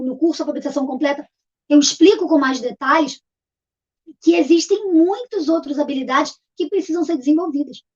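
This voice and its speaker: A middle-aged woman, a literacy teacher giving a patient video lesson and repeating key terms as she explains step by step. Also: high-pitched. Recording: dull lo-fi recording.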